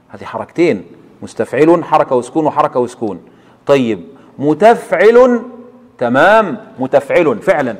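An Egyptian-accented man teaches in a recorded lesson, his voice sitting high for a man. He keeps quizzing the listener and praising each answer. A long reverb trails every phrase, as in a big hall. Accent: Egyptian Arabic.

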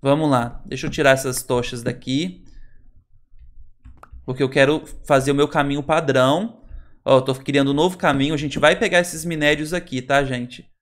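A man's voice: medium pitch, steady tone, normal speed. A Brazilian man hosting a Minecraft let's play, chatting to viewers and nervously exclaiming as he explores. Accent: Brazilian Portuguese. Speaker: gaming channel host.

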